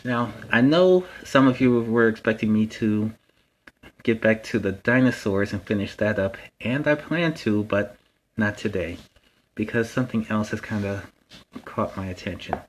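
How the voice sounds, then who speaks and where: A man's voice: fairly low pitch, moderate pace, lightly acted, rough recording. A man playing Spider-Man as a friendly, chatty superhero, casually telling stories to children and explaining things simply in a rambling way. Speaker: host of a story time series. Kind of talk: casual in-character storytelling to children.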